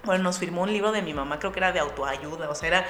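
A young woman with a Mexican Spanish accent, telling a lively anecdote to friends and acting out the voices of the people in it. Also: on the low side, rapid-fire, reverberant, slight background noise. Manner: lively storyteller acting out voices with bursts of laughter.

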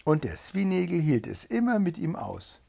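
Gravelly man reading a fairy tale. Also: a little high, moderate pace. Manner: lively, animated storytelling. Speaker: storyteller.

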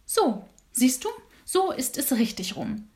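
A woman voicing a friendly, brisk bat in a bedtime storybook, lively and knowing. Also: high-pitched, voice pushed up, full character voice. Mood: cheerful. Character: friendly, brisk bat who sleeps upside down.

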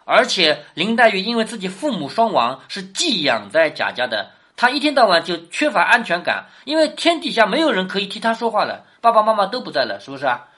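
A woman's voice: medium pitch, sing-song, fairly quick, hardly any pauses, a bit bright, breathy edge. A woman teaching a classic novel, reading passages aloud and then explaining them, often asking her listener questions. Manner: asks the listener questions, reads quoted lines with more lift.

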